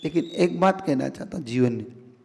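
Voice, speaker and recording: A man giving a sermon, animated and full of rhetorical questions to the audience. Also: fairly high pitch, moderate pace, gravelly. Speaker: Jain monk preacher. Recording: long hall reverb.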